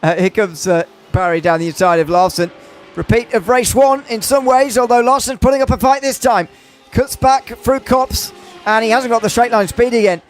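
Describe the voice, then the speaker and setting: A man's voice: very high voice, steady tone, normal speed, hardly any pauses, soft background music. A man commentating on a motor race, hesitant with many fillers and restarts.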